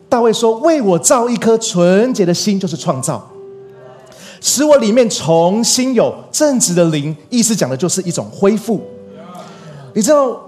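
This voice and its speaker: A man with a high voice preaches a sermon as a pastor, earnest and deliberate, circling back to repeat his main points. Soft music plays faintly underneath him. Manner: earnest, repeats key phrases for emphasis.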